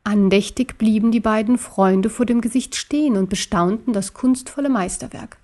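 A woman narrating a children's story in a steady, measured reading voice. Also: mid-range voice.

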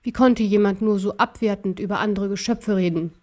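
A woman narrating a storybook in an expressive, dramatic way. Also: mid-range voice, a little fast. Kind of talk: storybook reading.

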